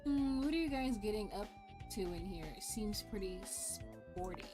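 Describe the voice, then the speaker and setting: Female streamer, casual play commentary, lively pitch movement, musing aloud over game music. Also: normal speed. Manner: muses aloud to herself.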